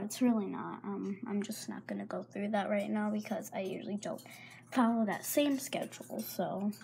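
A teenage girl vlogging about her pet at home, on a handheld phone in a carpeted room, speaks with vocal fry in a voice on the high side and a little mellow. She has a sore throat and rambles, apologizes and often drops to a half-whisper, with slight background noise.

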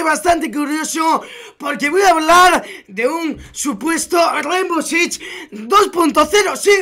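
A young man with a Spain Spanish accent doing excited gameplay commentary as a gaming YouTuber, bursting into loud exclamations and swearing. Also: very high-pitched.

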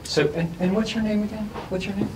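A middle-aged man moderating a group discussion, asking quick, playful, probing questions in a school library. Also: high voice, fairly even intonation. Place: large school library, indoors. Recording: distant mic with faint room noise.

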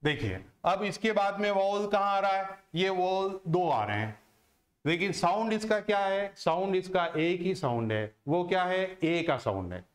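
A man teaching a lesson on word stress, slow and deliberate, who asks questions and answers them himself. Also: high-pitched, animated. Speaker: English teacher.

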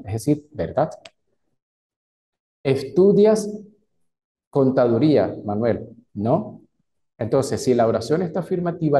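A patient middle-aged man gives an English lesson. His voice is mellow and warm, and he explains things step by step. He slows down whenever he reads the English lines. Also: medium pitch, slight background noise. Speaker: English teacher. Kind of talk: online class lecture.

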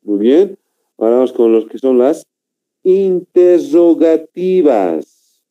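A male teacher gives a slow classroom lecture, stretching out his phrases and checking in with his listeners again and again. His voice is very dark and mellow, with a lively rise and fall in pitch. The recording sounds dull and lo-fi. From Bolivia. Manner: slow, repetitive, keeps asking "¿no?" and addressing "señores".

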